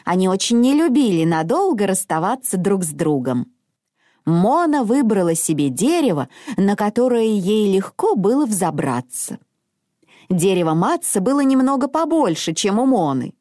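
A woman reading a children's story aloud with expressive narration. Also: mid-range voice, moderate pace, dry recording, studio quality.

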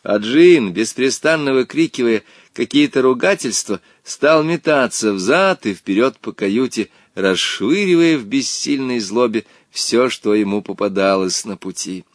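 A man reading a children's story aloud with an expressive, dramatic delivery. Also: mid-range voice, unhurried, hardly any pauses, dry recording, studio quality. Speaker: audiobook reader. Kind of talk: scripted narration.

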